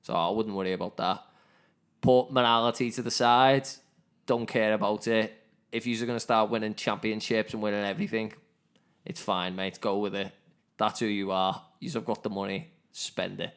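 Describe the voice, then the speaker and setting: A man's voice: on the low side, steady tone, normal speed, a bit bright, smooth. A man co-hosting a casual football podcast with matey banter. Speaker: podcast co-host.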